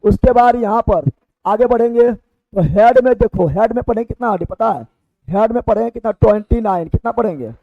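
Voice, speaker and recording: A man's voice: sits high, animated, a little fast, dry recording. A man teaching a lesson, speaking with a tinge and drilling terms over and over by question and answer. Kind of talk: call-and-response classroom lesson. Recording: dry, dull lo-fi recording.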